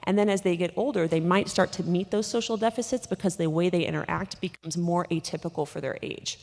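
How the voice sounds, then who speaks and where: A woman doctor giving a conference lecture, talking quickly with lots of fillers and restarts, in a large conference hall. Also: on the low side, gravelly, darkish tone. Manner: rapid, with many fillers and restarts. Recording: hall reverb.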